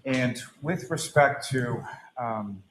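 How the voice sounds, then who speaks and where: A man acting as prosecutor, putting slow, halting questions to a witness, often pausing on "uh" and clearing his throat. His mid-pitched voice comes through a courtroom recording with a faint hiss of noise underneath. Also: a bit bright, low-quality recording. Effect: heard through a courtroom recording.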